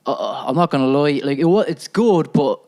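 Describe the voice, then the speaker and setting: A man's voice: fairly high pitch, normal speed, a little mellow. Hesitant, rambling man in casual chat. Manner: hesitant, rambling, many fillers and restarts.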